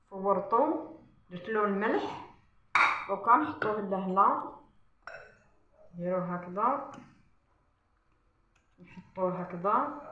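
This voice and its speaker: A woman's voice: mid-range voice, a bit bright, echoey room, dull audio. A woman with an Algerian Arabic accent, a chef walking viewers through a recipe step by step while cooking and often saying "voilà".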